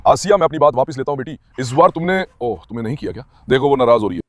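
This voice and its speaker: A man's voice: mid-range voice, racing, no echo. Man who owns dogs, chatty to viewers, soothing to the animals, dry voice. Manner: talks to viewers and calms his dogs in turns. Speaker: dog owner filming his dogs. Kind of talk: casual commentary to viewers.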